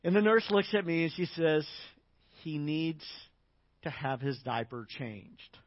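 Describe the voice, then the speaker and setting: A male pastor tells his sermon like a story, chatty and anecdotal, pushing up into louder emphatic stretches. His voice sits a little high for a man. The audio is dull and lo-fi, with a dry, close sound. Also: animated, measured pace, dry recording. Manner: conversational, anecdotal, with fillers; builds to louder, higher emphatic passages.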